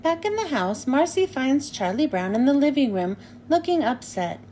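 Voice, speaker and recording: A woman reads a children's story aloud. Her voice is high and very expressive, and there is some noise in the recording. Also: moderate pace. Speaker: storybook reader. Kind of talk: children's read-aloud narration.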